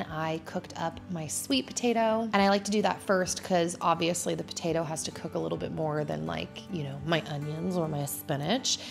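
This cooking vlog voice-over comes from a woman in her thirties chatting at home as she cooks. Lowish in pitch with some vocal fry, she keeps things chatty and laid-back, with plenty of casual fillers.

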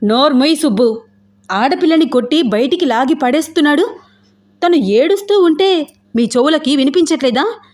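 A woman's voice: mid-range voice, moderate pace, long pauses, mellow, lightly acted. A woman voicing an indignant, protective young man in an audio novel, speaking with pressing, demanding questions.

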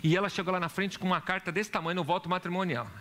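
A man's voice: high voice, fairly even intonation, rapid-fire, pushed and bright. A man preaching a sermon in church as pastor, asking the congregation questions and telling stories. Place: church hall.

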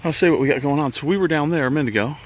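A middle-aged man, chatting and coaching casually while fishing outdoors, filmed on a handheld phone. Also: fairly high pitch. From Texas. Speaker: fishing vlogger. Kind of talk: casual outdoor vlog narration. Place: outdoors by a rocky creek. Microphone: handheld phone camera. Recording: phone audio with loud creek noise. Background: rushing creek water.

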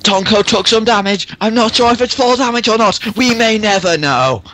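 A man's voice: sits high, normal speed, bright, forceful tone, a little hiss or hum. A young man doing joking mock sports commentary over a game, laughing often in a playful announcer voice.

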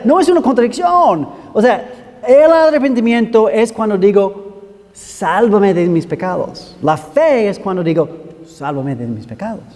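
A man's voice: extremely high pitch, darkish tone, in a large hall. A man preaching a sermon in an earnest, pleading manner, calling his listeners brothers.

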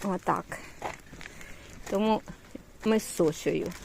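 Older grandma cooing at a little kid outside, slow, bit of faint noise behind. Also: female voice, medium pitch, vocal fry, darkish tone. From Ukraine. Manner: cooing baby talk to a toddler. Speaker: grandmother vlogger. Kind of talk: casual chat while babysitting. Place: outdoors in a yard.

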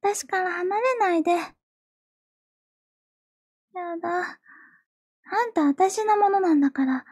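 A woman's voice: very high voice, slow pace, pauses often, a little mellow, no room sound, studio quality. A woman playing a possessive young yandere girlfriend in an intimate audio role-play, with a sweet, eerily obsessive manner. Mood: desperate, clinging.

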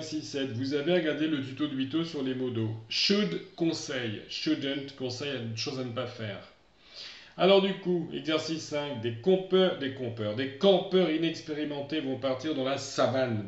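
Chatty middle-aged French-accented teacher. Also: male voice, medium pitch. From France. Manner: explanatory, chatty, switches into slow spoken English examples. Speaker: English teacher. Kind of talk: online lesson. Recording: muffled, echoey room.

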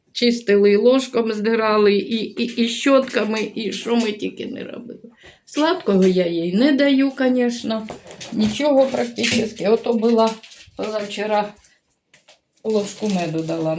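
Older ukrainian grandma rambling on in a home vlog, chatty, mixes languages. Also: female voice, mid-range voice, a little mellow. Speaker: vlogger grandmother. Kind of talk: casual home vlog chat.

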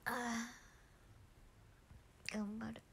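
Bubbly young woman with a hoarse throat. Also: on the high side, drawn-out words, slight background noise. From Japan. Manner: chatty, bubbly, squeals when excited, drops to soft near-whispers. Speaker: idol livestreamer. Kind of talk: casual livestream chat.

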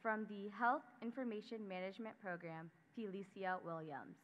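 A young woman, a student council member, giving a formal scripted ceremony speech at a podium microphone and announcing names in a measured way. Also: medium pitch. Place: graduation ceremony. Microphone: speaking at a podium microphone. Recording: dull lo-fi sound.

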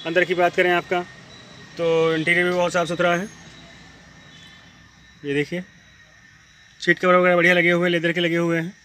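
A man runs a brisk sales pitch on an outdoor car lot, his voice bright and fairly high. He speaks in a flat, repetitive patter into a handheld phone, with faint street noise behind him. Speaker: used car dealer. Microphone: handheld phone camera.

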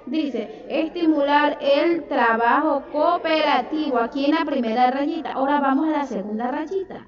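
High-voiced affectionate teacher, echoey call. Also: female voice, moderate pace. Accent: Ecuadorian coastal Spanish. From Ecuador. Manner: affectionate, calls pupils "mi amor" and "mi vida". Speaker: third-grade teacher. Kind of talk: online class dictation. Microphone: computer mic on a video call. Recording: echoey, distant, dull video-call audio with children talking. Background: children's voices.

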